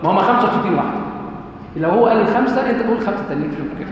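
A man's voice: high-pitched, rapid-fire. A man with an Egyptian Arabic accent giving a religious lecture to a live class, quoting verses and quizzing the audience. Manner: lively, quizzes the audience, quotes verses aloud. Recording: echoey hall, faint background noise.

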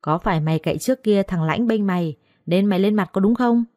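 A woman voicing a harsh middle-aged mistress who shouts and scolds her servant girl. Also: mid-range voice, quick pace, dry recording, clean studio sound, lightly acted. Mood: furious scolding.

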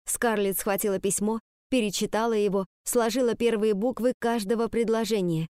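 A woman narrating a story in the first person with a lively storytelling manner. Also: mid-range voice, normal speed, smooth, dry recording, clean studio sound. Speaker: audiobook narrator. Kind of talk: audiobook reading.

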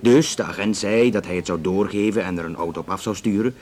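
Speaking fast in a low, darkish male voice that's close to everyday speech, a Flemish-accented actor plays a talkative, no-nonsense Belgian police investigator. The naturalistic radio drama has him explaining conversationally with some hesitation, in a matter-of-fact, narrating manner.

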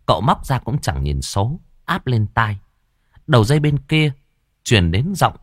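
A man's voice: mid-range voice, measured pace, no room sound, studio quality. A man telling a comic ghost story vividly. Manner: lively, vivid narration.

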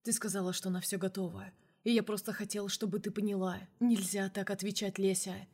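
A woman voicing a gruff, hushed male boss. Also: medium pitch, little pitch movement, brisk, close to an everyday voice. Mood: hushed remorse. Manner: curt, growling, drops to a hushed whisper. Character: gruff drunk male boss, commanding then tender. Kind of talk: audiobook character voice.

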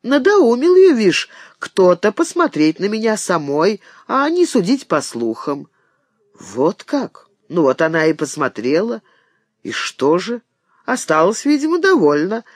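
A man voicing a sharp-tongued, scornful young bride who speaks in a mocking, self-assured way. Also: high-pitched, huge pitch swings, measured pace, dry recording, clean studio sound, exaggerated voice.

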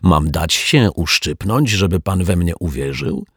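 A man voicing a sly, menacing male stage magician with a raspy voice, in a storybook reading. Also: deep voice, expressive, dry recording, clean studio sound, full character voice. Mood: teasing. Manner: slow, mocking, teasing menace.

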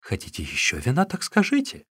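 A servile tavern keeper pleads and fawns, voiced by a man reading the tale. His tone slides from low murmurs up to anxious high pleading, close and dry. Storybook reading. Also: wildly swooping pitch, brisk, a bit bright, slightly rough, no room sound, exaggerated voice. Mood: fawning. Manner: obsequious, pleading. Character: fawning servile male tavern keeper, middle-aged.

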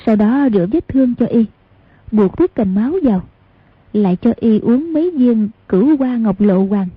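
A woman narrating an audiobook in a steady, measured way with a husky voice, on a tinny lo-fi recording. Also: a little high, no echo. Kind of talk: storytelling narration.

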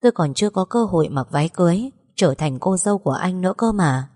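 A woman narrating a first-person audiobook story with expressive, emotional delivery. Her voice sits on the low side and carries a long reverberant tail. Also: fast talker.

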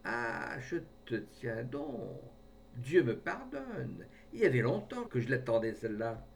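Loud rustic peasant man, voiced by a male reader, blustering storybook figure, distant mic, faint rumble. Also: wildly swooping pitch, unhurried, vocal fry, exaggerated voice. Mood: threatening. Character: gruff half-peasant older man, sly then jovial.

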